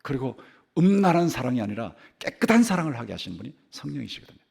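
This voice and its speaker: An older pastor's mid-range voice is gravelly and slightly rough, and he talks quickly. Preaching in the church sanctuary, he tells a story animatedly, repeating phrases while his voice rises and drops sharply.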